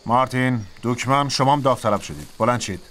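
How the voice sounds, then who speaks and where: A calm army officer. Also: male voice, low-pitched, slight background noise. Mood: commanding. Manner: firm, giving orders. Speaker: officer leading a squad. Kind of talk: dubbed war film dialogue.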